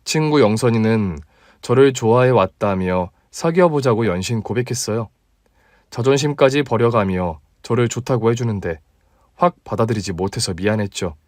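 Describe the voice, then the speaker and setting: Low-key male narrator in his 30s, steady mid-range voice, dry close recording. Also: moderate pace, no echo. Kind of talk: scripted story narration.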